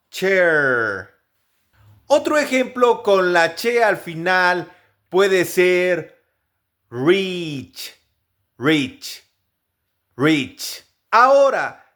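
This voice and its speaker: A man teaching English pronunciation, repeating each example word slowly several times. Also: high-pitched. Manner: upbeat, animated sign-off. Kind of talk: pronunciation lesson.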